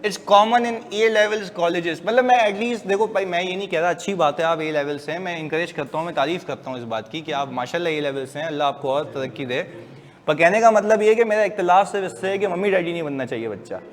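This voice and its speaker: A man's voice: high-pitched, a little fast. A man, giving a casual, joking lecture to a class of accounting students. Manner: chatty, joking, lively asides to students. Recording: distant voice in a reverberant room, faint hiss.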